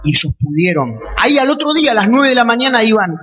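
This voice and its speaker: A man with a Rioplatense Argentine accent, preaching a sermon as a pastor, often shouting key phrases with passion. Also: very high-pitched, sing-song, quick pace. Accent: Rioplatense Spanish. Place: church hall. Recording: long church reverb, faint music behind.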